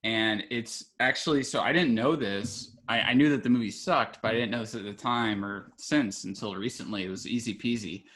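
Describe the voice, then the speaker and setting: A man's voice: mid-range voice, moderate pace, few pauses, a bit bright. A young man hosting a casual film podcast, rambling, restarting his sentences and often laughing as he talks. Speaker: podcast host.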